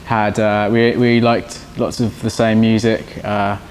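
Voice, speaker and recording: A young man who plays guitar in a band answers slowly and haltingly, restarting his sentences often. His voice sits fairly low, and a faint background hiss runs under it. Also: flat delivery, a little mellow. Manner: halting, many restarts and fillers. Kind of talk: casual interview answers.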